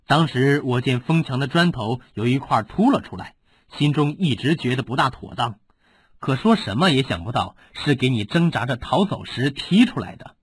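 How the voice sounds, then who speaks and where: A man's voice: medium pitch, animated, moderate pace, husky, no echo. A man voicing a scheming, cruel older swordsman who gloats over a captured rival. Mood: gloating. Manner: sneering, gloating.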